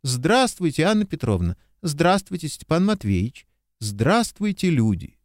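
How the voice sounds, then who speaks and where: A man reading an audiobook, voicing a lively, bossy young woman who teases as she gives orders. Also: on the high side, a little slow, no echo, clean studio sound, voice pushed up. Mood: chirpy. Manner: chirpy, playfully commanding.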